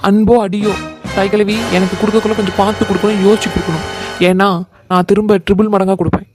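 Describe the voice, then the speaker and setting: Actor doing a young cartoon wife, mid voice, fast, wails and warns a lot. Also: mid-range voice, little pitch movement, over music, close to an everyday voice. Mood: dramatic. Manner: wailing complaints turning to loud threats. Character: young new wife, dramatic and defiant. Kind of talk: cartoon comedy dubbing.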